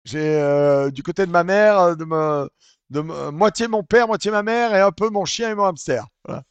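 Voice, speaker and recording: A man hosting comedic reaction commentary, mocking and excitable, swearing freely. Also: high-pitched, moderate pace, clear, resonant tone, no room sound, lo-fi sound. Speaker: host reacting to a video.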